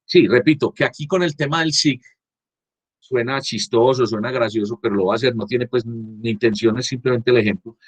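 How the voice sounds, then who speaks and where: Husky man teaching online. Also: mid-range voice, no echo. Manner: halting, frequent restarts, checks understanding with "¿cierto?". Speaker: university teacher. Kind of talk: online class lecture. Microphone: computer mic on a video call.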